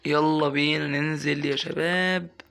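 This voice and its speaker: A young man with an Egyptian Arabic accent giving casual gameplay commentary, coaxing and scolding his in-game pet and breaking into excited yelps. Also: a little high, moderate pace, vocal fry, a little hiss or hum. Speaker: gaming YouTuber.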